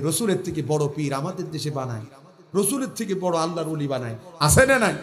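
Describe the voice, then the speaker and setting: A man from Bangladesh delivers a sermon. His voice sits high. He mocks and asks rhetorical questions, dropping to quiet asides and then rising to full shouts. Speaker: preacher.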